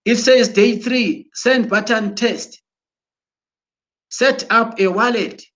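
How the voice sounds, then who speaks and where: An excited man urging his listeners on, his voice sitting high for a man. He talks slowly and deliberately, often repeating and restarting words. It sounds like a computer mic while he shares his screen. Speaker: broadcaster. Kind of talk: promotional motivational talk.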